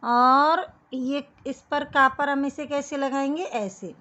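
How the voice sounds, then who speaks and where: A woman's voice: sits high, steady tone, slow, pushed and bright, muffled recording. A woman teaching young children a writing lesson, patiently explaining each step and calling them "beta". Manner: patient, addresses kids as beta.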